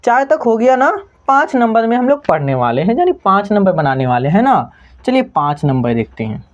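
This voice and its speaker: A woman with a Bhojpuri-tinged Hindi accent teaches a math lesson, and her pitch swings widely from phrase to phrase. She keeps pausing to ask whether the class has understood. The recording sounds slightly dull and lo-fi. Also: very animated. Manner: keeps checking understanding with repeated questions.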